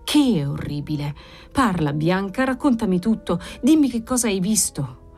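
A woman's voice: mid-range voice, lively intonation, normal speed, darkish tone, soft background music, lightly acted. A woman reading the part of a zealous, desperate nobleman father, speaking with urgent insistence. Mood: insistent.

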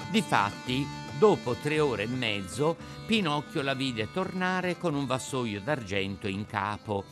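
A man reading a storybook as narrator, in an expressive, dramatic way. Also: mid-range voice, unhurried, music in the background.

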